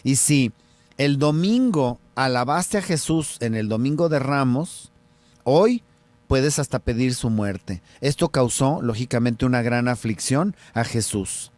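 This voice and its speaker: A man with a Mexican Spanish accent, a radio show host and surgeon, telling a story in a lively way and acting out the quotes. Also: medium pitch, measured pace, no echo. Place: radio studio.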